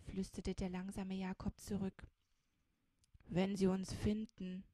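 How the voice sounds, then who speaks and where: A tall, slow young fellow answers calmly in a storybook audiobook, voiced by a woman. He speaks slowly and plainly in a slightly lowered, breathy voice. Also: no echo, studio quality. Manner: slow, calm, matter-of-fact.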